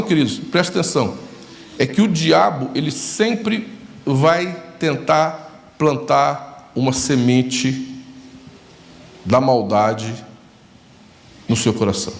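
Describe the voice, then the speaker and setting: A man's voice: mid-range voice, gravelly, reverberant, slight background noise. A male pastor with a Brazilian Portuguese accent preaching a sermon, telling stories and acting out conversations with his congregation. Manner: storytelling, acts out dialogues, addresses congregation directly.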